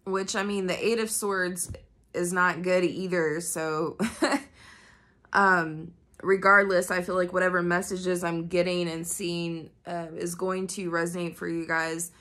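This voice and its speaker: A woman with a lowish, level voice speaks slowly with a slightly bright edge, sounding nasal because she's coming down with a cold. Doing a casual tarot reading at a floor-level table indoors, she chats with viewers, swears freely and fills her talk with fillers. The camera points at the cards while she stays off-frame.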